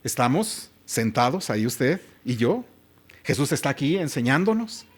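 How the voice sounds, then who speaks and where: A man's voice: medium pitch, very animated, normal speed, breathy edge. A man, preaching a sermon as pastor and putting rhetorical questions to the congregation.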